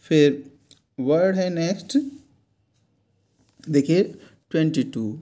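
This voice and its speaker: Mellow-voiced male teacher. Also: fairly high pitch. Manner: explains word meanings slowly and repeats words. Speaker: English teacher. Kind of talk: vocabulary lesson in Hindi.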